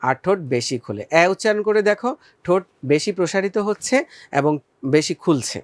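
A man teaching a recorded school lesson, patiently asking questions and then answering them, and sounding out vowels slowly for his students. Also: high voice, expressive, no echo. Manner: patient, addresses students as friends, asks and answers own questions.

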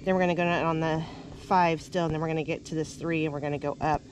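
A woman's voice: deep voice, steady tone, fast talker. A woman in her forties chatting casually while hiking, laughing often, recorded on a handheld camera outdoors. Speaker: RV travel vlogger. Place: outdoors on a forest trail. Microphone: handheld camera at arm's length.

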